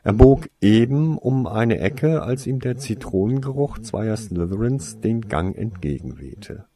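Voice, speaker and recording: Male audiobook narrator, low voice, slow and very expressive. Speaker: audiobook reader. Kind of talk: storybook narration.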